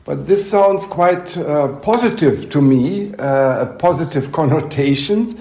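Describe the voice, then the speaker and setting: A man hosts a podcast interview and speaks very slowly, with measured and polite questions. His voice is dark and gravelly, and it sits at a slightly raised pitch for a man. The recording has a roomy echo. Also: lively intonation. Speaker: podcast host. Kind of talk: interview hosting. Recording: echoey room.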